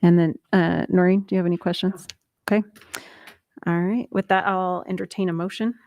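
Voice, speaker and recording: A woman's voice: fairly low pitch, level tone, brisk, darkish tone, dry recording. A woman chairing a school board meeting, reading out announcements in an informal way.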